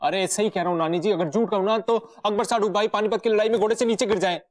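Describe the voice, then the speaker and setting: A man's voice: high voice, fairly even intonation, fast talker, close to an everyday voice. An actor playing a nervous young man who stammers and pleads to be believed. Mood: pleading. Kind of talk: TV comedy acting.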